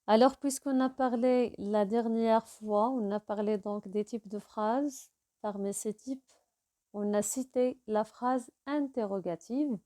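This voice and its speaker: A woman teaching French in a video lesson, explaining slowly and repeating example sentences. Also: fairly high pitch, fairly even intonation, mellow. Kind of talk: classroom-style video lesson.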